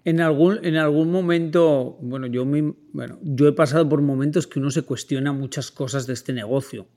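A man hosting an interview, talking in a relaxed, conversational way and thinking aloud as he asks. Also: fairly high pitch, normal speed. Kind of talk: casual interview chat.

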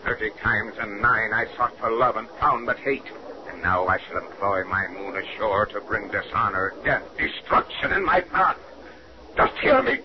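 A man's voice: medium pitch, natural voice. Bitter immortal mariner male actor, theatrical archaic delivery, mid-range voice, muffled vintage radio drama. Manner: archaic, declamatory, brooding. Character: bitter, cursed, vengeful immortal sea captain. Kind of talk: 1930s radio acting. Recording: noisy, muffled 1934 radio recording.

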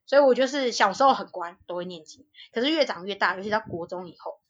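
A young woman, co-hosting a podcast in casual chat. She tells stories lively, acts out quotes and laughs often. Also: medium pitch, fast, highs cut off. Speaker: podcast co-host.

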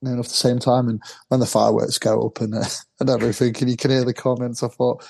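Man, football fan podcast co-host, casual rambling chat, flat monotone, mellow voice. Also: medium pitch, fast, vocal fry, husky. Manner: rambling, repeats words, laughs easily.

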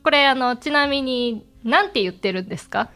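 A woman's voice: sits high, lively intonation, brisk, sharp tone, faint music behind. A woman hosting a podcast in casual chat, chatty and laughing often. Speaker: podcast host.

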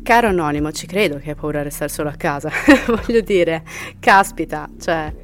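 Woman, low-pitched voice, horror-story podcast host, whispers for eerie parts, music playing behind. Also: brisk. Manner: animated reactions, laughing, dropping to whispers for eerie parts. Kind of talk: reading listener horror stories.

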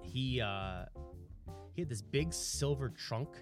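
A man's voice: medium pitch, takes it slowly, music in the background. Man telling stories on a podcast. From Michigan, USA. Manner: storytelling, animated retelling. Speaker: podcast co-host. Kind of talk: casual chat.

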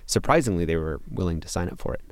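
A man's voice: low-pitched, animated, fast talker, no echo. A man hosting an interview, thinking aloud and asking reflective questions. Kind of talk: conversational interview.

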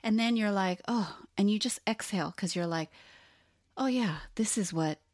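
A woman's voice: mid-range voice, moderate pace, dry recording, clean studio sound. A woman from Hawaii co-hosting a podcast in casual chat, acting out voices as she tells stories. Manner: animated storyteller, acts out quoted voices. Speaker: podcast co-host.

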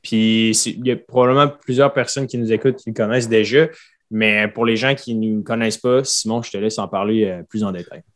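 Relaxed podcast co-host. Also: male voice, fairly low pitch, brisk. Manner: relaxed, mixes in English words. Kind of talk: casual podcast chat.

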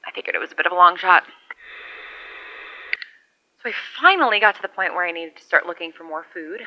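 An actress playing a lone, wry survivor rambling into a CB radio years after the collapse. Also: female voice, lowish voice. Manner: rambling, wry, conversational monologue. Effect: over a CB radio. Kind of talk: audio drama radio log. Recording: muffled lo-fi radio sound.

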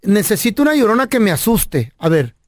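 A man hosting a radio comedy show, making a prank phone call in a deadpan, mock-businesslike manner. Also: high voice, a little fast, a little hiss or hum. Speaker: radio prank caller and host.

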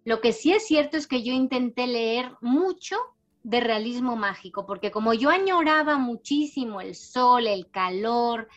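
A middle-aged writer, born in Spain and raised in Panama, answers an interviewer with warm, thoughtful storytelling, often tacking on tag questions. Her accent mixes Latin American and Spanish speech, her voice sits slightly high for a woman, and her intonation is lively at a measured pace. The recording sounds a bit dull and lo-fi.

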